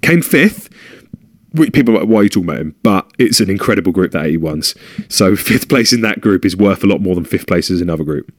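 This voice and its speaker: A man's voice: low voice, expressive, fairly quick, no room sound, studio quality. A man with a British accent co-hosting a podcast in casual chat, rambling and humming filler sounds. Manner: chatty, rambling, hums fillers. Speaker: podcast co-host. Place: home room.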